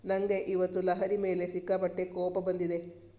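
A man reading the part of a caring young husband in a storybook, speaking softly and earnestly. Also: high voice, monotone, normal speed, lightly acted. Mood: tender, reassuring. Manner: soft, soothing and earnest. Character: caring protective young husband, gentle but firm.

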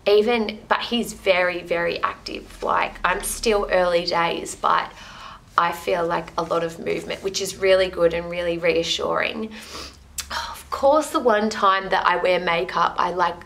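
A woman's voice: fairly low pitch, fairly even intonation, measured pace, creaky, a bit bright, low-quality recording. A young woman chatting in a rambling, emotional way in a casual home vlog from her living room. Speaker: vlogger.

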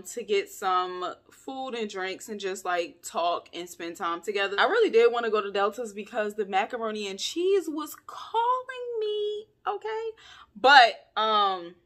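A young woman talks straight to her viewers in a loose, chatty vlog. Her voice is bright and forward, with playful asides and lively emphasis. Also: mid-range voice. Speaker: vlogger. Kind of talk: casual vlog chat to camera.

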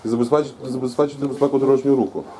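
A man's voice: medium pitch, level tone, rapid-fire, heavy background noise. A man filming himself as he questions officers on duty, insistent and pressing, repeating his demands. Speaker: blogger confronting police at a post. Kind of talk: confrontational street recording.

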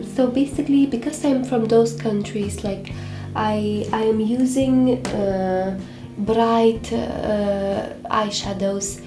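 A young Lithuanian beauty vlogger chats casually to the camera from a small room at home, her medium-pitched voice sounding roomy. She is hesitant, using many fillers and restarting her sentences. Soft music plays behind her.

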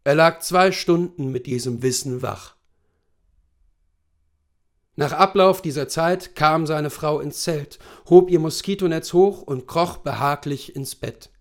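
A man narrating a literary short story as an audiobook reader, expressive and animated. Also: fairly high pitch, slow pace.

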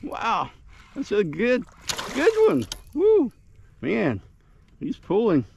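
An older man narrating casually as he fights fish from a kayak on a lake, whooping with excitement, recorded on a mounted camera. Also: high voice, slow, vocal fry, a little hiss or hum. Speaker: fishing vlogger. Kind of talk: casual narration while fishing. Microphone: action camera mounted on kayak.

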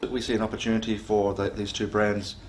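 A man's voice: on the low side, completely flat delivery, brisk, slight background noise. A man in his forties giving interview answers as a company chief executive. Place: office, indoors.

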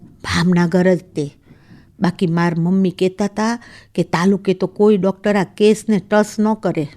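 A woman narrator voicing a matter-of-fact village girl who speaks slowly and deliberately in a radio story reading. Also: on the low side, steady tone, mellow, lightly acted. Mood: knowing.

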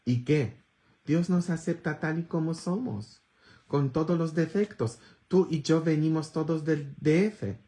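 Slow, bantering priest. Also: male voice, a little high. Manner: bantering, earthy humor, constant tag questions; sudden loud emphatic bursts. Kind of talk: informal sermon.

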